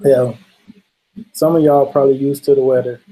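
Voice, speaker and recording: A man's voice: mid-range voice, level tone, normal speed, dark tone, low-quality recording. A man hosting a casual late-night livestream, laid-back and laughing often as he reads out viewer comments. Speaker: livestream host.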